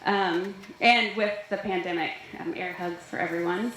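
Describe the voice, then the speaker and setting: A woman's voice: on the low side, steady tone, normal speed, a bit bright. A woman from Nashville giving an informal, chatty wedding toast as the bride's sister, with joking anecdotes. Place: large reverberant room at a wedding reception. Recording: very echoey hall, faint noise.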